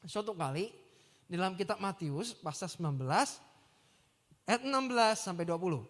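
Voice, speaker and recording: Lively man preaching in a reverberant hall. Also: high-pitched, normal speed. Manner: animated, chatty, acts out quotes. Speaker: youth preacher. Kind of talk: lively youth sermon. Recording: long church reverb.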